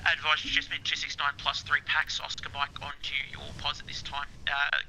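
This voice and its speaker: A man's voice: fairly high pitch, little pitch movement, normal speed, creaky, pushed and bright, slight background noise, poor audio. A man giving terse, procedural calls over a radio comms channel as a player on team comms. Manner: terse call-sign radio talk. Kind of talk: clipped military radio procedure.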